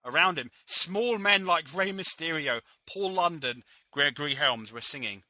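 A man's voice: fairly high pitch, animated, moderate pace, sharp tone, no room sound. A man co-hosting a podcast, reading a comic story aloud and stumbling over words. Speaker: podcast co-host.

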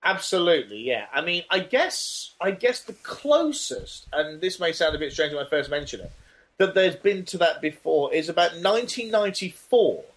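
A man co-hosting a podcast, talking casually in a rambling, jokey way with halting restarts. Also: on the high side, lively intonation, fairly bright tone. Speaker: podcast co-host. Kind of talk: casual chat.

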